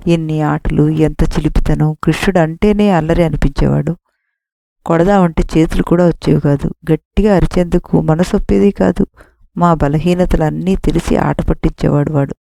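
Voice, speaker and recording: Give me a woman doing a tearful, loving storybook mother, her voice low and mellow, wistful and slow. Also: fairly even intonation, vocal fry, no room sound. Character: tearful loving foster mother, middle-aged.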